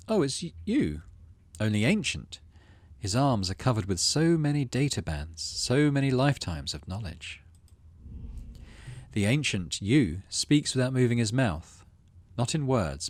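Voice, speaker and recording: This is a man voicing a video game's story as an animated narrator, mixing storybook drama with casual comments. His pitch is medium, and the recording carries no room sound.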